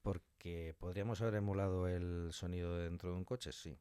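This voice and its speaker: In an animated interview, a man who writes and directs audio fiction talks about his creative work as a podcast guest, speaking with emphasis and acting out little quotes. His voice is low, steady, and mellow, at a moderate pace. The studio-quality recording is clean, with no echo.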